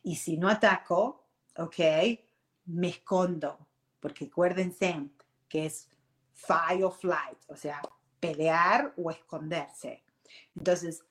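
A woman gives a reflective personal talk on meditation and emotions. She talks earnestly, restarts phrases often, keeps checking in with "ok?" and slips in English words. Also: on the low side. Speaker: meditation and self-growth speaker. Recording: roomy echo.

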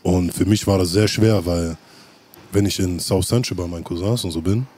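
A man's voice: low voice, moderate pace, darkish tone, a little hiss or hum. A man telling stories in casual chat, full of street slang and acted-out quotes. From Germany.

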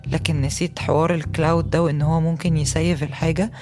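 A woman voicing a hurt young Egyptian woman, fast. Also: low-pitched, flat delivery, over music, natural voice. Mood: sorrowful. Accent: Egyptian Arabic. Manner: earnest and intimate storytelling, rising to agitation in retold fights. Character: young woman recounting a harsh mother, earnest, hurt. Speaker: voice actor reading a personal testimony. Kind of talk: scripted first-person narration for a podcast.

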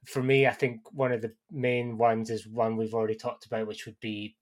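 A man's voice: mid-range voice, little pitch movement, normal speed. A male co-host talks in a mid-range voice. His delivery is conversational and informal, feeling its way through phrases with small restatements. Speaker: podcast co-host. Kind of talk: casual conversational chat.

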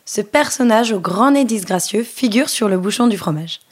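A woman interviewer asking measured, formal questions. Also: medium pitch, lively intonation. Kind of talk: reading prepared questions.

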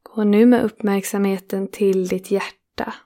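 A woman guides a relaxation meditation in a warm, steady, medium-pitched voice. She speaks slowly and soothingly, leaving long pauses between phrases.

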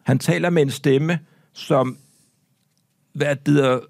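A man's voice: on the high side, steady tone, gravelly, dry recording, studio quality. A man co-hosting a comedy podcast, telling a rambling story full of hesitations and acted-out voices. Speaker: podcast co-host.

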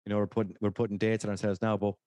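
A man's voice: lowish voice, level tone, rapid-fire, mellow, no echo. A man from County Clare with a west of Ireland accent, hosting a casual podcast interview in a jokey, self-deprecating way. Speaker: podcast host.

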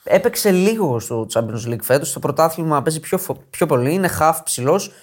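Lively, chatty Greek podcast co-host. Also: male voice, a little high. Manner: presents players one by one, lively and chatty. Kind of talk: casual football podcast chat.

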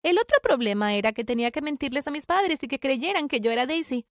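Brief: young female narrator, first-person confessional drama, high and bright. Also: expressive, fast, dry recording, studio quality.

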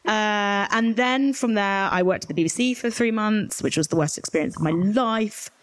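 A woman's voice: medium pitch, moderate pace, no room sound, rough recording. A young woman from rural Herefordshire with a modern British Received Pronunciation accent, giving candid, informal interview answers with emphatic asides. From rural Herefordshire, England. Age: young adult. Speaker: journalist guest on a panel. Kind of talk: candid conversational interview answers at a live event.

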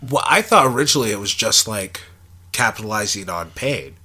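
Bright-voiced young man rambling casually. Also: on the low side, expressive, a little fast, husky. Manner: rambling, filler-heavy, thinking aloud. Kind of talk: casual film discussion.

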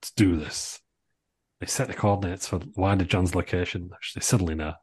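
A man's voice: low voice, steady tone, fast talker, a little mellow, slightly rough. A man narrating a comic amateur play from a script, reading out stage directions as co-host.

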